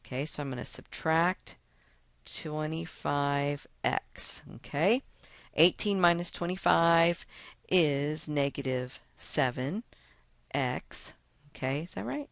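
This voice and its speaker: A woman's voice: deep voice, takes it slowly, no room sound. A woman math teacher talking through a lesson step by step in a chatty, self-mocking way. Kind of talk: casual screen-recorded lesson walkthrough.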